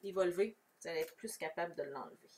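A woman with a Québécois French accent leads a casual, chatty craft tutorial, explaining each step and answering viewers. Her voice is lowish, quick, and darkish, sits somewhat far from the mic, and carries a little hiss or hum.

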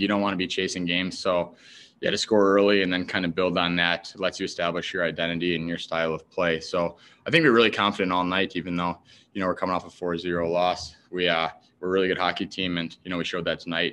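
Young hockey player, bright and fast. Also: male voice, sits low, flat delivery, a little hiss or hum. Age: young adult. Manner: plain, filler-heavy answers. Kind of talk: post-game press conference answers. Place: team media room in front of a backdrop. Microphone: desk mic in front.

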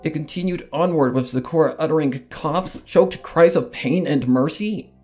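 This first-person fan fiction is read aloud as dramatic narration by a man whose fairly high voice sounds a little mellow. He keeps a normal speed while guitar and plucked strings play in the background.

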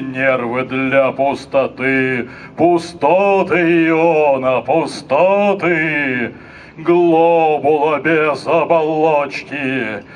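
A middle-aged man reciting poetry as dramatic declamation, with measured, deliberate phrasing and repeated refrains, speaking into a handheld microphone outdoors. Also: a little high, slight background noise. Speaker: poet reciting at an outdoor reading. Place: outdoor stage area in a forest. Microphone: handheld microphone through speakers, filmed from a distance.

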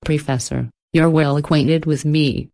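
A poised, cultured ancient entity voiced by a woman speaks in a low, soft, even tone. Every word is measured and unhurried, courteous on the surface but menacing beneath. It belongs to a horror storybook reading. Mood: menacing, amused. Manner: even, measured, softly spoken.

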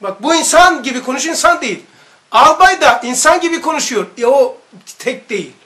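Man, informal religious lesson, high-pitched, bright and forceful, barks example commands. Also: fairly quick. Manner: animated, barks mock military commands; rhetorical questions to listeners. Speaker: religious study-circle teacher.

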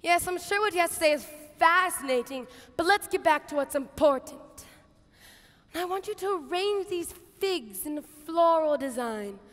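On a large auditorium stage before an audience, a teen-to-young-adult woman with a very high, lively voice delivers a dramatic monologue at normal speed as a bossy, harried biblical kitchen hostess. Frantic and exasperated, she uses exaggerated theatrical intonation, swinging from hushed asides to shouts, captured by a headset mic in the reverberant hall.

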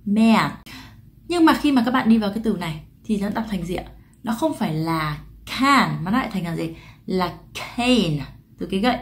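A woman from Vietnam talks quickly through an English pronunciation lesson. She chats to her viewers, asks them questions and answers them herself, and stretches out the example words. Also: a little high. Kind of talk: explanatory lesson to camera.

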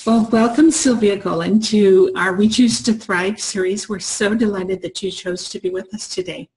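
A woman's voice: mid-range voice, steady tone, normal speed, a little mellow, poor audio. A woman in her sixties hosting an interview over a video call, encouraging and affirming toward her guest. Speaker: interview host. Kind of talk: supportive interview conversation. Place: indoors, home room. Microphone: video call webcam.

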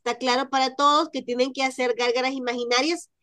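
A woman's voice: high voice, steady tone, fast talker, a bit bright, dry recording, studio quality. A woman teaching an online French class to Spanish speakers, explaining and drilling pronunciation by repeating sounds over a video call.

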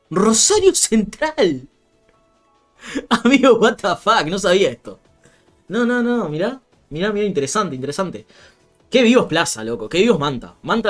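Young rioplatense guy streaming football talk, kinda high voice, laughs a lot, music soft behind. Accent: Rioplatense Spanish. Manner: chatty, laughs often, reads out viewer comments. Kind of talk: casual live-stream football chat.

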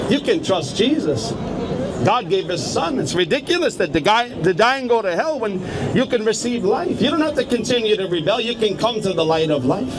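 Male street preacher, high voice, urgent repetitive exhortation, loud traffic noise around him. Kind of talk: open-air street preaching. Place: busy city street outdoors.

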